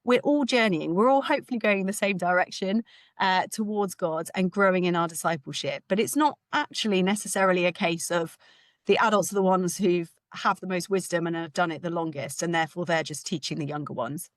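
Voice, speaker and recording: A British woman in her thirties, slightly hoarse, giving an informal, chatty conference talk as a ministry leader. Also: lowish voice, fairly quick, no echo. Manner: chatty, informal, with light laughs.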